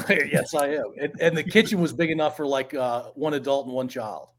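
A man's voice: mid-range voice, moderate pace, fairly bright tone. A man hosting a casual podcast interview, joking and asking short questions. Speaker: host.

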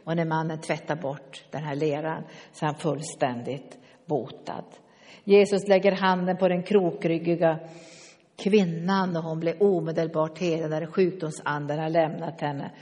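An older preacher giving a lively sermon full of asides, who turns soft and quiet for the tender passages. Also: medium pitch, long reverb tail.

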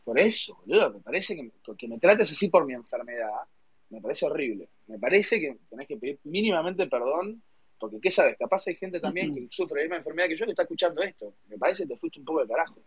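A man's voice: a little high, lively intonation, fast talker, slightly rough. A man with a Rioplatense accent hosting a live audio chat, talking in a sarcastic, mock-offended way. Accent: Rioplatense Spanish. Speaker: host of a live audio space. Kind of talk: heated casual chat.

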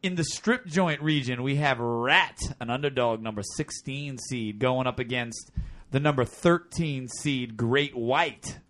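A man's voice: medium pitch, a little slow, fairly bright tone. A man co-hosting a casual rock podcast, joking around and running down a bracket in a playful announcer voice. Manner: playful announcer voice when reading matchups. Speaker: podcast co-host. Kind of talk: casual chat, bracket rundown.

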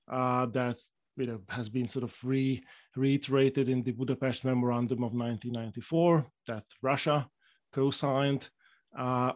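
A man from Slovakia speaking as a panel guest, often hesitating and repeating words as he thinks. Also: mid-range voice. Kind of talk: panel discussion.

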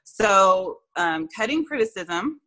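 A woman guest giving casual relationship advice, talking in quick asides and acting out little lines of dialogue. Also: medium pitch. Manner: animated, talks in quick asides with many "like" and "you know" fillers.

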